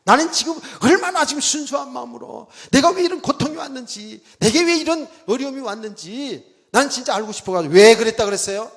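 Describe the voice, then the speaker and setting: Animated Korean pastor in echoing church. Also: male voice, very high-pitched, a little fast, few pauses. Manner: animated storytelling, mimics a revival preacher shouting. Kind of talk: sermon. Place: church sanctuary. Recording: church hall reverb.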